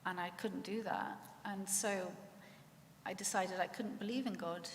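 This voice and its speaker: A church speaker from Wales, middle-aged, recounts her faith journey in a mid-range voice with fairly even intonation. Her delivery is earnest and thoughtful, broken by pauses and restarts, and the recording carries the long echo and faint room noise of a church hall.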